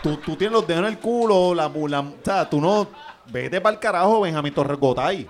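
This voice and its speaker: A Puerto Rican man with a fairly high voice trades crude, profane jokes as co-host of a live podcast chat. He curses loosely and riffs between laughs with the group. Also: expressive, moderate pace, a little hiss or hum.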